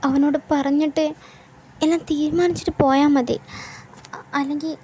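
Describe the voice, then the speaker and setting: A woman's voice: high voice, fairly even intonation, moderate pace, dark tone, a little hiss or hum, close to an everyday voice. A woman doing an anxious, coaxing mother. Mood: pleading. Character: worried, caring mother.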